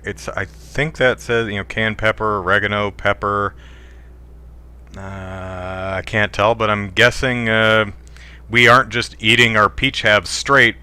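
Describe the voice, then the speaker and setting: Let's play host, male, lowish voice with a sharp bright edge, wry running jokes. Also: measured pace, clear, resonant tone. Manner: wry, joking, reads viewer comments aloud. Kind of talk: casual gameplay commentary.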